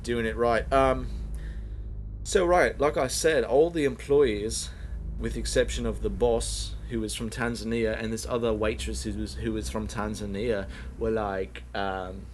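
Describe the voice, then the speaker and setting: A man's voice: fairly low pitch, steady tone, measured pace, slight background noise. A man telling a rambling comedic story as a podcast host, full of fillers and swearing, sometimes far from the mic.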